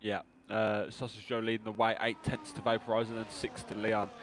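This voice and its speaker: Male co-commentator for sim racing, low and level voice, calm, factual delivery. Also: a little fast, a little hiss or hum. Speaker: race co-commentator.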